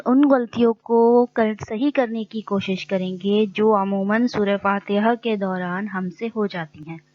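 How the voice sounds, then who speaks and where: In a tajweed lesson, a woman with a medium-pitched voice teaches Quran recitation, speaking deliberately and stretching out sounds to model correct pronunciation. The audio sounds dull.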